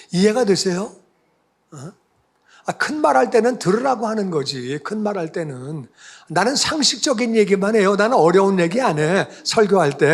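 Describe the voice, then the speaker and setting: A male pastor giving a conversational sermon, often asking the congregation questions. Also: sits high.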